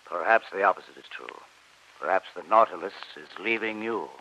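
An actor playing a brooding, bitter submarine captain in an old radio drama, speaking formally and deliberately with theatrical courtesy. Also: male voice, deep voice, highs cut off. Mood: coldly courteous. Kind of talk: 1940s radio drama acting. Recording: old radio recording, loud organ music behind.

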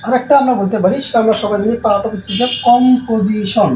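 Brisk and steady in tone, this male English teacher has a high, darkish voice as he teaches a class. Again and again he poses questions and answers them himself, captured in a roomy recording with faint noise behind him.

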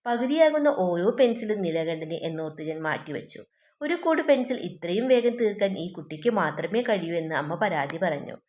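A woman's voice: lowish voice, lively intonation, a little fast, a little mellow. A woman teacher reading a textbook story aloud and explaining it to students, often asking them questions. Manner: addresses students directly with questions.

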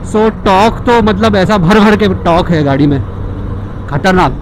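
A young man recording a riding vlog on a motorcycle. He chats casually and excitedly, mixing English into his speech. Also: high voice, moderate pace. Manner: chatty, excited, mixes English into Hindi. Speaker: motovlogger. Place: outdoors on a moving motorcycle on city roads. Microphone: action camera with external mic on a helmet. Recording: wind and traffic noise. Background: engine, wind and traffic.

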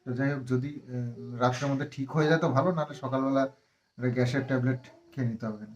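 Her voice is very deep and steady, a little mellow, and quick in pace, though the audio sounds dull. She is a West Bengal family vlogger chatting casually at home to camera, rambling with plenty of fillers and tired from a long ride, and she teases a child affectionately.

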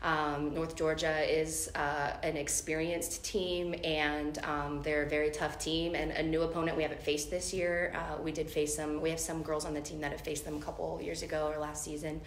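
A woman's voice: low-pitched, flat delivery, moderate pace, few pauses. A middle-aged woman, a head coach, speaking earnestly at a postgame press conference with frequent ums. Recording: echoey room, faint noise.

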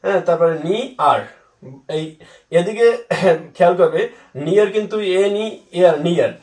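A man's voice: high voice, normal speed, darkish tone, reverberant, far from the mic. A man teaching English spelling to students, patiently repeating words and spelling them out letter by letter.

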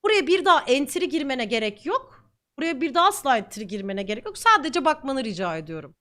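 Blunt, high-voiced woman streamer. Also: sing-song, quick pace, fairly bright tone. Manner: blunt and defiant, talkative. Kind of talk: reacting to comments on camera.

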